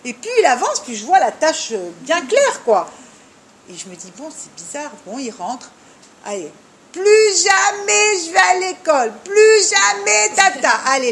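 Woman, high voice, group leader, informal religious talk, animated, acts out little dialogues, faint room noise in the background. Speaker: leader of a women's discussion group.

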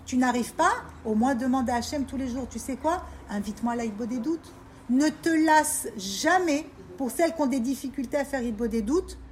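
Against slight background noise, a high-voiced woman leads an informal Torah talk for women, teaching about faith. This religious teacher is emphatic and repetitive, frequently asking her audience whether they follow.

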